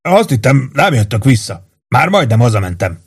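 A man's voice: mid-range voice, very animated, husky. A man voicing an awkward, sheepish young male soldier who grins as he talks. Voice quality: sheepish, grinning.

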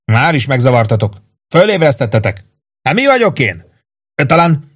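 A man reading as a grumbling army cook, higher voice, indignant, storybook. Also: very animated, slightly rough. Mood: irritated. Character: grumpy sleepy male army cook.

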